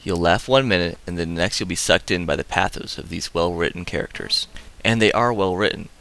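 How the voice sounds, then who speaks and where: Bright-toned man reviewing comics. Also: sits low, a little fast, gravelly. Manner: excitable, casual asides. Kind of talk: enthusiastic comic review narration.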